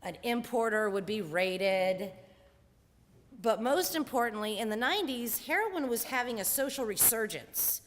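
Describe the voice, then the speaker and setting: A woman's voice: on the high side, animated, unhurried, long reverb tail, slight background noise. A woman in her forties telling a candid, wryly humorous personal story on stage.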